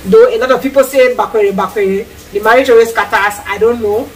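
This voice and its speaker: Slightly high and fairly quick, the voice belongs to a woman in her thirties with a Cameroonian accent, casually chatting to camera while cooking in a small tiled kitchen. The vlogger is expressive, gesturing and acting out quotes. With the camera a few feet away, the poor audio is distant and carries a little hiss or hum.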